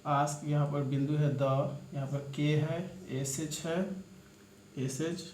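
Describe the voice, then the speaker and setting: A man's voice: fairly high pitch, steady tone, takes it slowly, darkish tone. A man teaching shorthand, spelling out letters one by one in a step-by-step lesson. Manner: spells out letters one by one, addresses viewers as friends. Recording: echoey room with faint background noise.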